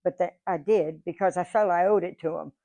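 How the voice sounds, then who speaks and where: A ninety-something woman from Georgia, USA, visits a museum event room as guest speaker and tells folksy life stories to the crowd, chatty and acting out each quoted line. She talks a little fast in a creaky, mellow voice on the low side, captured in a dry recording.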